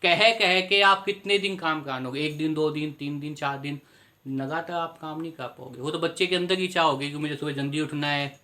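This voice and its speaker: Bright-voiced male teacher quizzing students. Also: fairly high pitch, fairly even intonation, a little fast. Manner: asks students questions then answers them himself; repetitive, explanatory teaching tone. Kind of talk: Hindi class lecture.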